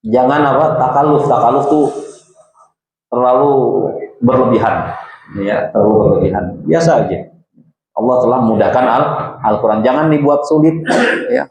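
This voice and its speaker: A man's voice: mid-range voice, normal speed, pauses often, darkish tone, echoey room, muffled recording. A male preacher giving a conversational sermon, often asking the audience questions and adding "ya".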